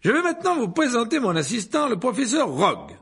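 A man's voice: very high-pitched, huge pitch swings, a little fast, a bit bright, pitched above the performer's own voice, full character voice. A man doing a pompous vain wizard teacher. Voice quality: pompous, flustered throat clearing.

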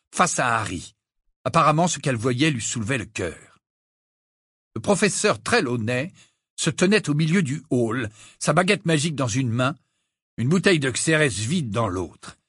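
Expressive husky male narrator. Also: medium pitch, no echo, studio quality. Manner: expressive storytelling. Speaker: audiobook narrator. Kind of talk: scripted narration.

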